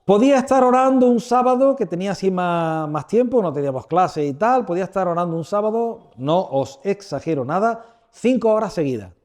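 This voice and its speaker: A warm, high-voiced preacher in his fifties from Andalusia, Spain, talks a little fast with few pauses and plenty of expression. Leading a church workshop, he gives an informal sermon to a live audience over a handheld or stand microphone, chatty and humorous, often posing questions to them.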